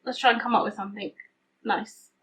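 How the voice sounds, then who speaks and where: A woman's voice: medium pitch, steady tone, fairly quick, fairly bright tone. A woman vlogger chatting casually to camera in a rambling, self-deprecating way, with a slightly tinny sound. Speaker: beauty vlogger. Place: hot room at home, window open.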